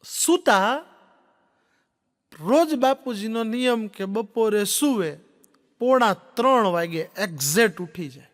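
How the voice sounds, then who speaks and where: A high-pitched man tells folksy jokes on stage, acting out each character's lines. His voice rings out in a hall with a long reverb. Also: expressive, slow, pauses often, fairly bright tone. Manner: folksy storyteller, acts out dialogue. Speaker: stand-up comedian. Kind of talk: stand-up joke telling. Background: audience laughing.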